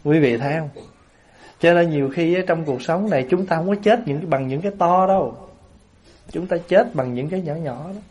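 Buddhist monk, fairly high-pitched male voice, lively storytelling sermon. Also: brisk, husky. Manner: lively storyteller, acts out everyday scenes with laughter. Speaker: Buddhist monk giving a Dharma talk. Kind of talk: sermon to a lay assembly.

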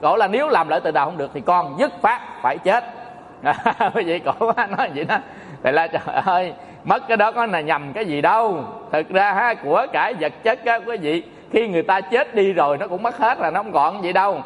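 A man's voice: high-pitched, lively intonation, brisk. A man, a Buddhist monk giving a folksy, joking sermon to an audience. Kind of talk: Dharma talk sermon. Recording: echoey hall reverb.

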